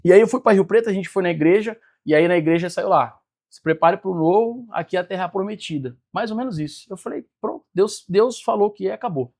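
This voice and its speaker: A high-pitched man, telling his life story in a podcast interview. He acts out every quoted line with feeling. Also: fairly quick, vocal fry. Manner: animated storyteller acting out quoted dialogue. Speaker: guest, business mentor.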